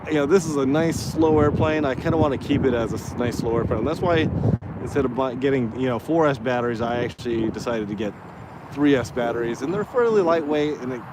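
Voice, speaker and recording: Male hobby pilot, mid pitch, rambling off-the-cuff flight commentary, noisy windy outdoor recording. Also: fairly quick. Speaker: radio-control plane vlogger. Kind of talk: casual live commentary while flying a model plane. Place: outdoors by a road in wind. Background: wind and outdoor motor noise.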